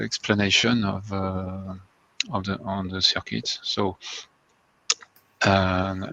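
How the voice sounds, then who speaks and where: A male examiner speaks very slowly in a low, gravelly voice at a thesis defense. He hesitates and rewords as he goes. The sound is dull and dry, like a video call. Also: fairly bright tone. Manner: hesitant, searching for words, self-correcting. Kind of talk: halting formal remarks and questions at a thesis defense.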